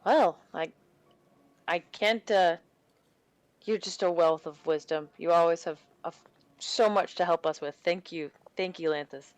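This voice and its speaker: A woman's voice: on the low side, measured pace, no echo. A woman playing a tabletop roleplaying game, rambling and cutting herself off, swearing freely. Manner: rambling, self-interrupting, swears a lot. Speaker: player.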